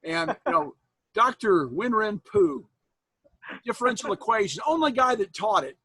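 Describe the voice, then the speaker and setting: With big pitch swings at a normal speed, a jokey college instructor from Iowa, USA, in his sixties, chats casually with students after an online class. His husky, higher male voice is a bit bright, folksy, with frequent laughs. Audio from his computer mic at home on a video call is close and dry with no room sound, but poor.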